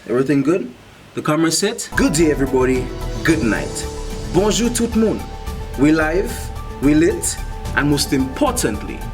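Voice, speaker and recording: A man plays a brash Saint Lucian news anchor in a parody bulletin. His voice is fairly high and swoops theatrically, mock-formal, with music clearly underneath.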